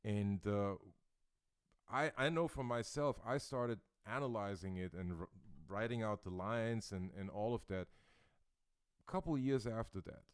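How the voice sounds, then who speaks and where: A man's voice: lowish voice, a little slow, smooth, no echo, clean studio sound. A male host from Austria chatting in an interview, thoughtful and searching for his words. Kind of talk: casual interview chat. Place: Brooklyn, New York.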